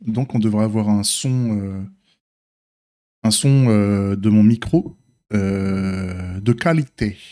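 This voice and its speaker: Lower-voiced man with a slight lisp. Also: slow pace, mellow. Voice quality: slight lisp, slushy s sounds. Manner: informal, hesitant, thinking aloud. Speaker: streamer and software developer. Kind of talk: casual unscripted stream update.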